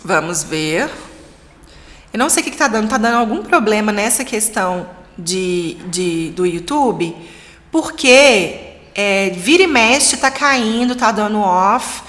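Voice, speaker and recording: A woman in her thirties with a Brazilian Portuguese accent, teaching a live-streamed lesson for parents in a lively, encouraging way. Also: medium pitch, measured pace. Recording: long reverb.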